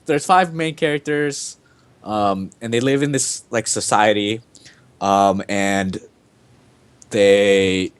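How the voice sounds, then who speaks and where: A man's voice: on the low side, slow, clean tone. Rambling young man, podcast host. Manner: rambling, filler-heavy, enthusiastic. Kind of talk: casual podcast chat.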